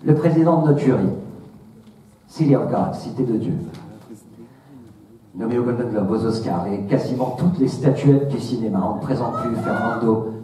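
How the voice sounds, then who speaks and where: A man's voice: mid-range voice, normal speed, pauses often, dark tone. A man hosting a ceremony on stage, introducing guests in an emphatic, showmanlike way. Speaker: ceremony host. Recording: echoey hall, distant, crowd, faint noise.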